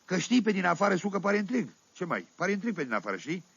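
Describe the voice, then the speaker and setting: Playing a middle-aged village man from Oltenia, an actor rambles through comic stories with an amused air and a strong regional accent, as in a 1970s radio comedy monologue. The high-pitched male voice is very animated, creaky, a bit bright and husky, performed in full character. It was captured dry on a dull-sounding 1978 vinyl radio recording.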